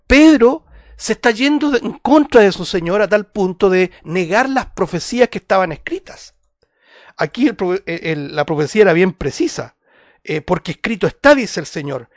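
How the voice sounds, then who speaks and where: A man preaching a sermon, reading scripture aloud and calling his listeners brothers, earnest, rising loud for emphasis and dropping quiet for asides. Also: high-pitched, no room sound, clean studio sound.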